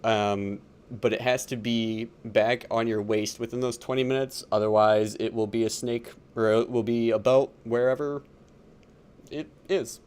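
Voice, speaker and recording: A man's voice: mid-range voice, fairly even intonation, unhurried, a little mellow, clean tone. A man running a tabletop game as game master, talking casually with lots of fillers and laughs. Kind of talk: narrating a tabletop game on a livestream.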